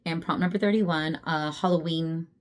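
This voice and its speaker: A woman's voice: sits low, steady tone, normal speed. A young adult woman chatting casually about books, laughing often and poking fun at herself. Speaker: book vlogger. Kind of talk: casual chat.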